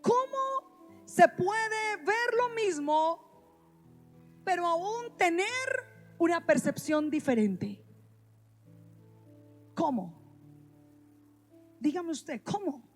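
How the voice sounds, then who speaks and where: High-voiced woman preaching. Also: big pitch swings, very slow, long pauses, faint music behind. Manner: emphatic, repeats key phrases and prompts the congregation. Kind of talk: sermon. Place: church sanctuary.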